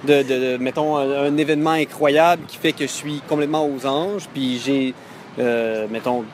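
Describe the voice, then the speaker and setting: A man's voice: mid-range voice, fairly even intonation, moderate pace. A man answering a street interview hesitantly, with many fillers and repeated words. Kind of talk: street vox pop answer. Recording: street noise, mic at a distance.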